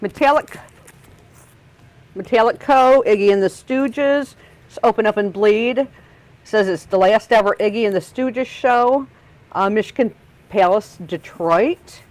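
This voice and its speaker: An easygoing co-host of a record shop's morning show. They read sleeve notes and prices in a casual, unhurried voice at a middle pitch. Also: no room sound, poor audio.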